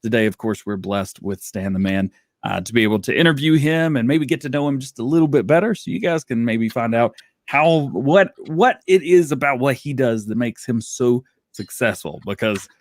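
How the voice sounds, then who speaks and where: Animated, laughing male podcast host. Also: mid-range voice, normal speed, dry recording, clean studio sound. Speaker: show host. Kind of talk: casual podcast chat.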